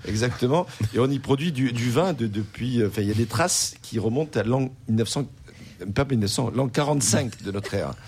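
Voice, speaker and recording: A sommelier who owns a restaurant explains wines on a radio show, his mid-range voice brisk and a little mellow. He hesitates often and repeats words. There's slight background noise.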